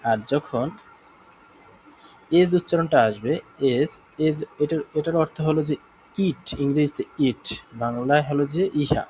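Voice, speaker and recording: A man whose accent is Bangladeshi Bengali teaches German in a live online session, taking his time, repeating explanations and regularly asking if students get it. His voice leans high and slightly mellow, with faint background noise and poor audio quality.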